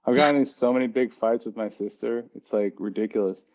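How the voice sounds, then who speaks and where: A man teaching a mindfulness class in a lively, joking and direct way. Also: medium pitch, brisk, lo-fi sound.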